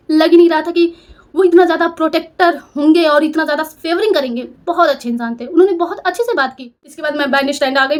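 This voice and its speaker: Young woman, high voice, personal storytelling, emotional and confessional. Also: a little mellow. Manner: emotional, confessional, self-reproaching. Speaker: storyteller vlogger.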